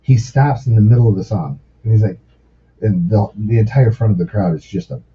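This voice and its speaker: A man telling stories in a casual podcast chat, excitable and full of swearing. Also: fairly low pitch, a little fast, a little hiss or hum. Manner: profane, excitable storyteller. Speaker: podcast guest. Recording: muffled lo-fi podcast audio.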